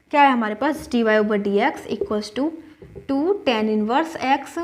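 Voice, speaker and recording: A woman math teacher, patiently explaining a solution step by step and often checking that students follow. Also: high voice.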